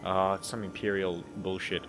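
A young man casually commenting on his own game playthrough, chatty and quick to laugh. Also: low voice, little pitch movement, fairly bright tone. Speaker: gaming channel host. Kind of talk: casual let's-play commentary. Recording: game music underneath.

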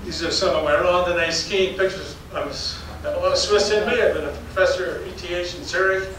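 Speaking a little fast in a high, steady-toned voice, an older geology professor delivers a public slide talk built on stories. His manner is folksy and anecdotal, with chuckles between anecdotes. The audience sits in a darkened lecture hall that sounds very echoey, captured by a distant mic with faint noise.

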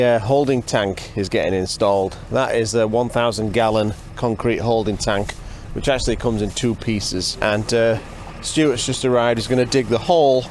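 A man's voice: medium pitch, slight background noise. A man in his forties talks straight into a camera held at arm's length, outdoors on a rural building site. His commentary is chatty and a little nervous as he waits to see how the work turns out. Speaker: vlog host. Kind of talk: casual on-site vlogging. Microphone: handheld action camera at arm's length.

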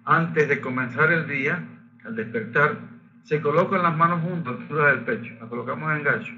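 A man teaches a Reiki group in a bright, fairly high voice. He explains techniques and leads slow, sung chanting of Japanese phrases. The recording sounds dull and lo-fi. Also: slight background noise. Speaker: Reiki facilitator. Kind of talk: spiritual workshop teaching.

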